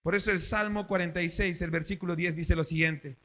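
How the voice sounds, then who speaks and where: A man's voice: high voice, brisk. A male pastor, preaching a sermon at a church service and asking the congregation questions. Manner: animated, asks the congregation questions.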